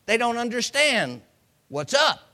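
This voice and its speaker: In a folksy, informal Bible teaching sermon, an American man speaks a little slowly in an extremely high, sharp-toned voice full of big pitch swings. He acts out examples and quotes and repeats phrases so his point sticks.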